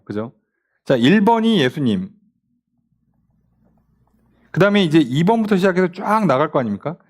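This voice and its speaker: A man, a pastor, leading a casual Bible study and often asking his listeners rhetorical questions. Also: high voice. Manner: casual, talkative, plays out quoted lines.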